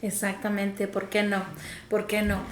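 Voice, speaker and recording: A woman speaks earnestly about her own faith experience, pausing and hesitating as she searches for words. The room is echoey, with faint ambient noise behind her. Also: medium pitch, completely flat delivery. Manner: earnest, many hesitant fillers. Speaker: podcast co-host. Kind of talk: casual faith talk, personal testimony.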